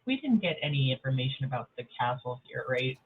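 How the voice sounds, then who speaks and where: A man playing a tabletop game, asking the game master quick questions, his voice muffled as if heard through a wall. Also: mid-range voice, animated, breathy edge. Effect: muffled voice from a distant mic, as if through a wall. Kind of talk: casual game chat over an online call. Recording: muffled, far-off, phone-like mic.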